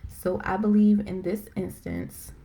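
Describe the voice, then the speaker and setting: A woman with a creaky, mid-range voice hosts a live video chat on faith, talking casually and excitedly over a phone or computer. She rambles with plenty of fillers and says herself that she talks fast.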